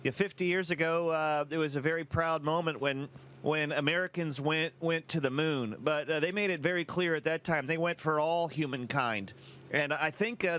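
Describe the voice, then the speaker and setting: Higher-pitched man, plainly explaining. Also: a bit bright. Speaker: astronaut. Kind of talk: answering questions in an educational interview. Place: aboard a space station.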